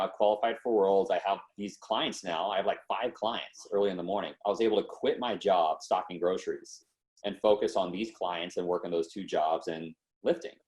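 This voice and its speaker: On a low-quality recording, a man in his twenties with a lowish voice talks as a podcast guest. He tells his story with casual slang and lively energy, voicing the quotes himself.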